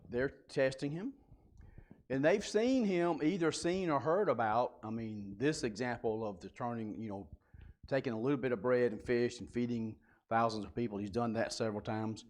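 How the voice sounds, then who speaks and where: A man's voice: mid-range voice, a little mellow. A man teaching a Bible class in a church building, talking informally and putting questions to the group.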